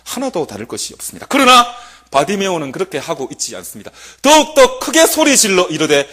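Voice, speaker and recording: Young guy preaching in church, high voice, big pitch swings, goes from loud to hushed. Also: wildly swooping pitch, quick pace, slightly rough. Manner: dramatic, swings from loud proclamation to hushed asides. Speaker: junior pastor. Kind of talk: sermon.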